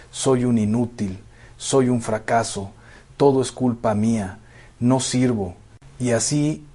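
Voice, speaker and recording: Dark husky-voiced male preacher. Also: lowish voice. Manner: slow, emphatic pastoral address to parents. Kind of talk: sermon.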